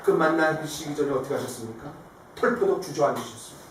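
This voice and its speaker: A man's voice: fairly high pitch, fast talker. A man preaching a sermon as pastor, telling stories animatedly and asking the congregation questions. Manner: animated storytelling, acting out quoted lines. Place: church sanctuary. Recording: echoey hall, distant mic, faint noise.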